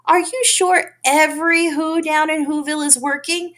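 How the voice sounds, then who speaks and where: A woman's voice: high voice, fairly even intonation, normal speed, fairly bright tone, voice pushed up. A woman voicing an earnest, kindly male elephant in a children's storybook, pleading and urgent. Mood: encouraging, urgent. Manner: urgent, imploring. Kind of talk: children's storybook read-aloud.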